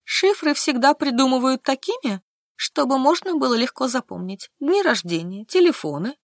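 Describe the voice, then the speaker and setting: A woman's voice: high-pitched, sing-song, a little fast, fairly bright tone, no room sound, studio quality, pitched above the performer's own voice. A woman reading an audiobook, voicing a timid, slightly haughty young woman.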